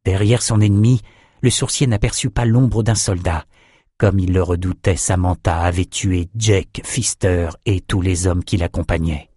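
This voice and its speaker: A man reading a fantasy novel aloud in measured, dramatic scripted narration. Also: sits low, fairly even intonation, dark tone, slightly rough, no echo, studio quality. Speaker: audiobook narrator.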